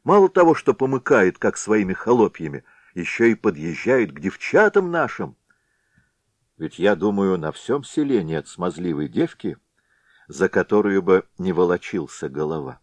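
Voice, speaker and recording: A man's voice: low voice, big pitch swings, normal speed, no echo. A man playing a rowdy, burly village prankster. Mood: indignant. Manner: boisterous, eager.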